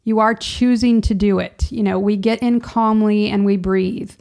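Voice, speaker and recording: Casting: female vlogger, noticeably gravelly fry, mid-pitched, casual and rambling, talks as if thinking aloud. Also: fairly even intonation, normal speed, darkish tone. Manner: chatty, rambling, self-interrupting. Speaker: vlogger sharing personal experience. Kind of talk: casual informal monologue.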